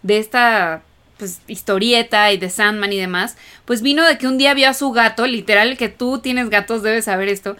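A woman's voice: on the high side, normal speed, sharp tone, clean tone. A woman co-hosting a podcast, chatting casually and thinking aloud with many fillers. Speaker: podcast co-host.

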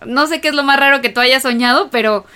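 A woman co-hosting a relaxed podcast conversation. Her voice is a touch high, and she muses aloud, stringing thoughts together with filler words. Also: quick pace, smooth. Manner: chatty, thinks aloud with fillers. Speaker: podcast co-host. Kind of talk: casual podcast chat.

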